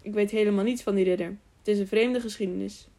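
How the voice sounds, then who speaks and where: A woman reading the part of a grumpy, sleepy middle-aged innkeeper in an audiobook, answering in a gruff, curt way. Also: mid-range voice, steady tone, quick pace, dark tone, lightly acted. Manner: gruff and curt, complains about stiff legs.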